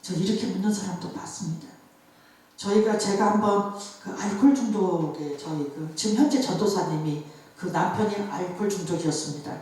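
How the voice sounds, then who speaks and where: Female pastor, emotional storyteller, dark warm tone, roomy distant hall sound. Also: mid-range voice, brisk. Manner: emotional storytelling, acting out voices of others. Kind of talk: sermon. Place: church revival hall. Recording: echoey hall, voice from far off.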